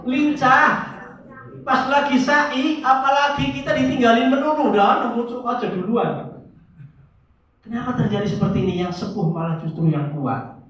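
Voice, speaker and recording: A man teaching pilgrims before their trip, lively and jokey, often calling out to the listeners. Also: high-pitched. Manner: lively, jokey, addresses audience as Pak and Bu. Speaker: umrah guide instructor. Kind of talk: religious briefing lecture. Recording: echoey hall, distant muffled recording.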